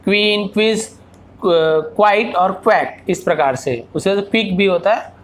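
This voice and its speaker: A male teacher explaining English phonics, asking himself questions and then answering them, and repeating example words slowly. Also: high voice, a bit bright, slight background noise.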